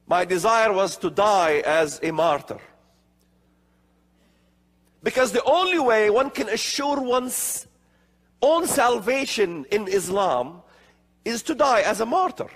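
Middle-aged male conference speaker from the Middle East, emphatic and slow, high register, long reverb of a large hall. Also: expressive, a bit bright. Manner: slow emphatic delivery with gestures. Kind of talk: prophecy conference lecture. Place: large hall with seated audience.

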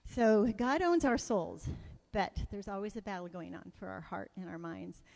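A woman's voice: medium pitch, moderate pace, gravelly, a little mellow, in a large hall. A woman leading worship in church, making casual, joking announcements to the congregation.

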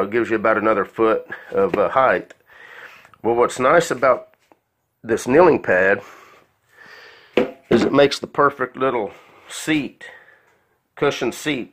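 Medium in pitch and a bit bright, a man's voice carries a loose, folksy tool review packed with fillers. The home mechanic films it on a handheld phone in his garage, which has a concrete floor.

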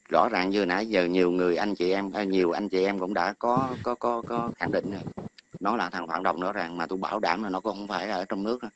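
A man's voice: sits low, lo-fi sound. A middle-aged man calls in to an online talk and scolds someone at length, often repeating words as he hunts for the next one. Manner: berating, repeats words while searching for them. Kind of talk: heated scolding rant. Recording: noisy line with clicks.

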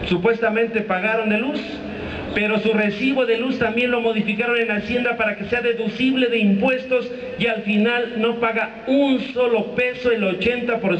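Mexican man, middle-aged, high-pitched combative rally speech, crude, heard through a PA from far off, loud street noise. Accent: Mexican Spanish. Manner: combative, crude, calls the crowd comrades. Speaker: union leader giving a rally speech. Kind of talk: fiery protest speech. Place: outdoor stage at a street rally. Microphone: handheld mic through a PA, filmed from the crowd. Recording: distant, echoey, muffled amateur video of a PA.

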